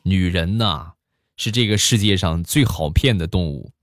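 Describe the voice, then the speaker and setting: A man telling funny personal anecdotes in a casual, animated way, full of chatty fillers. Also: deep voice, moderate pace. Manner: animated, colloquial northern-style banter with many 啊 fillers. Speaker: comedic storyteller. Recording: dry close mic with faint background music.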